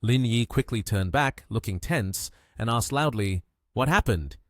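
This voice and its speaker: A man narrating a comic story recap with a lively, animated reading. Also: lowish voice, a little slow, no room sound, clean studio sound.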